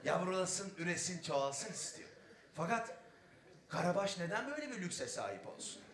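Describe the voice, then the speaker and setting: A man's voice: high-pitched, sing-song, normal speed, a bit bright, a little hiss or hum. A man doing stand-up, telling wry, chatty stories to an audience. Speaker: stand-up comedian. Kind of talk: stand-up storytelling. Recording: echoey stage recording.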